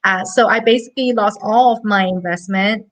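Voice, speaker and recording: A Hong Kong woman in her thirties, a money coach, tells her story as an interview guest, earnest and chatty with light laughs. Her voice is medium-pitched and fairly bright, with fairly even intonation and a normal pace. The recording quality is low.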